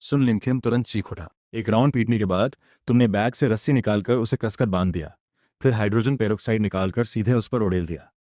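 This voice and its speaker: A man narrating a comic-style story recap in a steady, dramatic storytelling manner. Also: on the low side, brisk, dry recording, clean studio sound.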